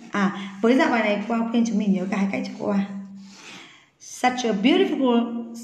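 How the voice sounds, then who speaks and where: A woman's voice: on the high side, darkish tone. A woman teaching an English grammar lesson, coaxing her students and checking with them again and again. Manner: coaxing, keeps asking "đúng không ạ". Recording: echoey room, dull lo-fi sound.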